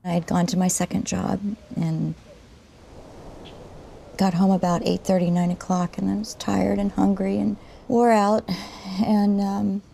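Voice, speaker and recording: A woman's voice: mid-range voice, level tone, unhurried, vocal fry, long pauses, warm tone, a little hiss or hum. A middle-aged woman recalling events in an interview, earnest, blunt and emphatic. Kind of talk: interview recollection.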